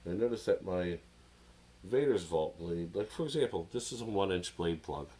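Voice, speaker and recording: Sitting at a desk under an overhead camera, a man reviews products in a casual show-and-tell, his low, mellow, husky voice moving at a moderate pace with lively intonation. A cold leaves him nasal, and he rambles and hesitates, full of fillers and false starts.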